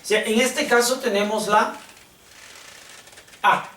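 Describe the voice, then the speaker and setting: A man teaching a classroom lesson, slow and patient, often checking whether the class understands. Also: high voice, steady tone, a bit bright. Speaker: Hebrew teacher. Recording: echoey room, distant mic, faint hiss.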